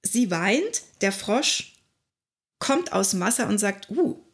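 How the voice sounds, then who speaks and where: A woman talking casually about fairy tales, conversational and lively. She slips into quoted voices as she goes, in a mid-pitched, ordinary speaking voice. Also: slow. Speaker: presenter discussing fairy tales. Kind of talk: casual commentary.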